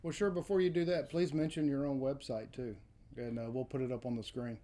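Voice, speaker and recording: A man's voice: medium pitch, steady tone, fairly quick, warm tone, a little hiss or hum. A man hosting an interview show, effusive and welcoming toward his guest. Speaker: podcast host. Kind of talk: interview introduction.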